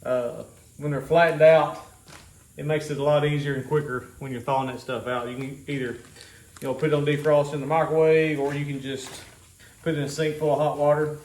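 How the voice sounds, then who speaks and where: A man's voice: on the high side, flat delivery, fairly quick, darkish tone, slight background noise. Easygoing man in an echoey kitchen. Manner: easygoing, rambling, self-joking. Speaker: homestead vlogger. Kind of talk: casual how-to vlog.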